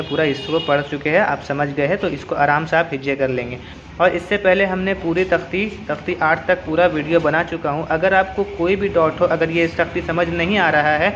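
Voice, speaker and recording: A man teaching Quran reading in an online tutorial. He spells syllables out slowly and draws them out, then explains briskly. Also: fairly high pitch, fairly bright tone, muffled recording, a little hiss or hum.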